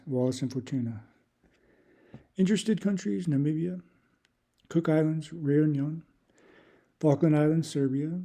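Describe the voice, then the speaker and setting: Very dark-voiced man reading a list. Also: medium pitch. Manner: reads off long lists in a steady run; thinks aloud with hesitant restarts. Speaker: YouTube creator. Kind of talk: casual live-stream commentary.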